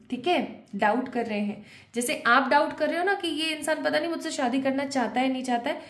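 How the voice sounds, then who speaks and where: A woman's voice: high voice, moderate pace. A woman giving a collective tarot reading, explaining the cards and mixing English phrases into her Hindi as she addresses her viewers. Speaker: tarot card reader. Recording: roomy echo.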